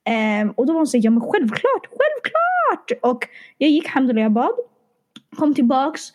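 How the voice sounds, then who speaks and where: Lively woman telling a story. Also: high voice. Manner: animated storyteller, acts out quoted dialogue; mixes in English and Arabic phrases. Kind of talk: casual chat.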